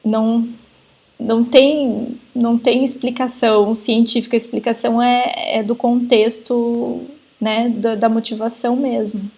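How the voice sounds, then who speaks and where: A woman's voice: a little high, level tone, a little slow, mellow, slightly rough. A woman with a Brazilian accent teaching in a live online class, explaining at length with frequent fillers. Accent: Brazilian Portuguese. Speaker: genetics lecturer. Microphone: video call.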